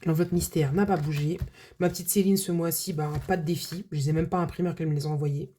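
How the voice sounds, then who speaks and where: A woman's voice: lowish voice, fairly even intonation, quick pace, mellow, slight background noise. A woman budget vlogger chatting casually to her viewers, full of filler words and restarts. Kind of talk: casual vlog chat.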